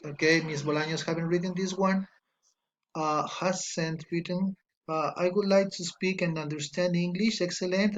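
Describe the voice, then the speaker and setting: Here an Ecuadorian man, a native Spanish speaker with that country's accent, runs an online English lesson, reading out what students wrote and gently fixing spelling and grammar as he goes, slow and patient. His voice is high, and the lo-fi recording carries a faint hiss or hum.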